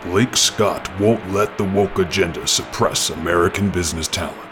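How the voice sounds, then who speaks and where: A man's voice: low-pitched, moderate pace, music in the background, natural voice. A man voicing a male announcer in a mock political campaign ad, emphatic and salesy.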